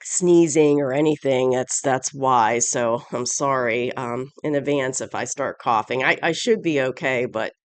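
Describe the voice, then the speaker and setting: This channel host does a casual weekly tarot reading, rambling and correcting herself, her voice stuffy, congested, and odd from allergies and a sore throat. She talks at a medium pitch, a little slowly yet with hardly any pauses, and the audio has no echo.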